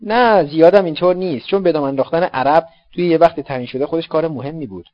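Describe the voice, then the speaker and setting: A man voicing an excitable young male escaped convict who talks eagerly and emphatically. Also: on the high side, no echo, voice pushed up, close to an everyday voice. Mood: earnest. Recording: dull lo-fi dry recording.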